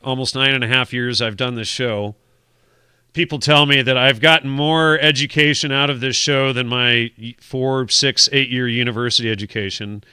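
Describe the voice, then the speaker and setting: A man hosts a talk show in loose, casual chat, rambling and doubling back on his words. His voice is very bright and smooth, recorded close and dry on a studio mic with no room sound. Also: medium pitch, dry recording. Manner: rambling, repeats words while pleading for donations. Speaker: podcast host.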